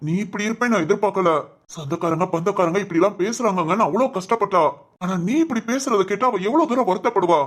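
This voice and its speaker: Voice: mid-range voice, natural voice. An actor playing a young village husband, weary and reproachful toward his grandmother. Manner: weary, then pleading reproach. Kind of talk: village drama acting.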